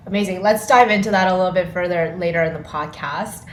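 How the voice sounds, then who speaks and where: A woman with a lowish voice and fast delivery hosts an upbeat podcast interview, moving through quick questions in an enthusiastic, informal way. The recording has a roomy echo and faint noise.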